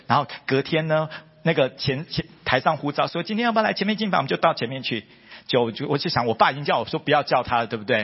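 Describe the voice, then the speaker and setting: A middle-aged man preaching a sermon as pastor, telling stories with lively repetition of phrases. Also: on the high side, husky, in a large hall, highs cut off. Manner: animated storytelling with repeated phrases. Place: church hall.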